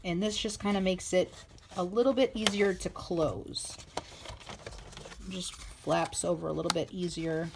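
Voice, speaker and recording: A woman's lowish voice comes through with fairly even intonation and a slightly slow pace as she hosts a casual hands-on craft tutorial at an indoor table. She thinks out loud informally while working, captured in a clearly noisy home recording with clicks.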